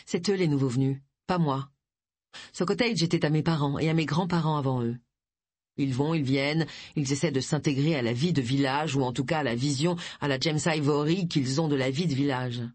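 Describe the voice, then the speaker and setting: A reader voicing Tilly, a gruff middle-aged village woman who is blunt and scornful, speaking in a low, curt voice. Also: fairly quick, a little mellow, no echo, close to an everyday voice. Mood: bitter. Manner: curt, dismissive, grumbling.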